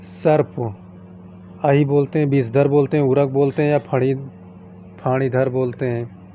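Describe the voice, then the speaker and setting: A man with a very dark, heavy tone teaches an online exam-prep class. He runs through long chains of synonyms in the same repeated phrasing, with little rise and fall in his pitch. Now and then he stops to remind students which words to learn by heart. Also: steady tone, measured pace, slight background noise. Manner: keeps reminding students what to memorise.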